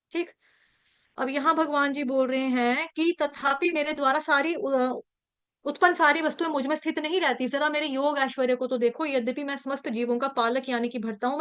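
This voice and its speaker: Woman teaching a scripture class online, pretty high voice, goes slow over each sound, keeps asking "ok?". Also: a bit bright. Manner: patient, repeats points and checks in with "ठीक है"; drills pronunciation syllable by syllable.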